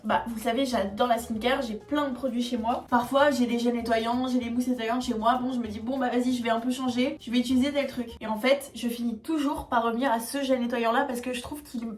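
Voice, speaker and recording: Young woman in her 20s, casual chatty vlog talk, kinda high voice, upbeat. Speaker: beauty vlogger. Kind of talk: casual skincare vlog chat.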